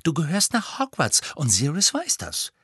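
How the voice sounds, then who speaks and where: A man's voice: on the high side, huge pitch swings, moderate pace, bright, forceful tone, breathy edge, no room sound, studio quality, pitched above the performer's own voice, exaggerated voice. A man doing a stern know-it-all schoolgirl. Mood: lecturing. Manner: stern, precocious. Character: earnest bossy teenage girl, know-it-all.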